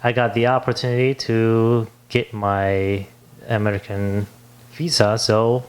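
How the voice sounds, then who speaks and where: A young Libyan man who speaks English shares his story as a guest on a podcast, a business owner in a casual interview who searches for his words. His voice is fairly low and steady, and he talks at a measured pace.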